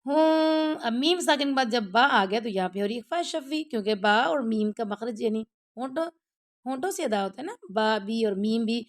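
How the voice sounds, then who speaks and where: A woman with a high voice teaches a tajweed lesson online. She explains patiently, one step at a time, and keeps checking that her students follow. English words slip into her explanations. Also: expressive.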